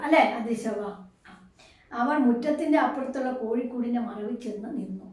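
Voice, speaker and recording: A woman's voice: on the high side, darkish tone. A woman teacher, explaining a story to her class. She asks the pupils questions and answers them herself. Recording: echoey room, voice from far off.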